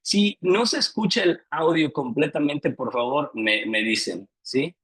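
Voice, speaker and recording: Husky-voiced man lecturing haltingly. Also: on the high side, fairly bright tone, no echo, low-quality recording. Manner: hesitant, repeats words, checks in with listeners. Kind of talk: academic lecture.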